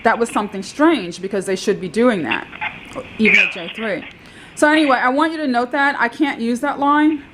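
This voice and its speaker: A woman's voice: on the high side, moderate pace, heavy background noise. A woman calling tech support, talking in a rambling, insistent way and repeating herself. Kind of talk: phone call recorded by caller.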